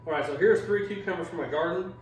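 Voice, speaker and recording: High-voiced and quick with his words, a dad and channel host gives a cooking demo at home, explaining as he goes, chatting and teasing a bit. His kitchen sounds echoey, the mic is distant, and there's a faint background noise.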